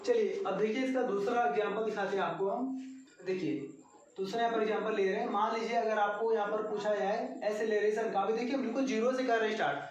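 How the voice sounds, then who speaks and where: A man's voice: high voice, steady tone, quick pace, muffled recording. A man teaching a physics lesson, explaining step by step and talking straight to his students. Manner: repetitive, step-by-step explaining, addresses students directly. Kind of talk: classroom lecture at a board. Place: classroom at a coaching centre. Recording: very echoey room, mic far off.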